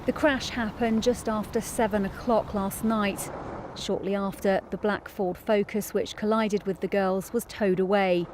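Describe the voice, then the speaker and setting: A woman news reporter giving an earnest, measured field report. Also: mid-range voice, steady tone, noisy background.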